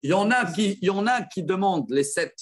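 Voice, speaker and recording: A rabbi teaching a group with real enthusiasm, his fairly high voice bright with praise. He moves quickly between rulings and side remarks, checking in with his students as he goes. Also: lively intonation. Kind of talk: lively halakha lesson with students.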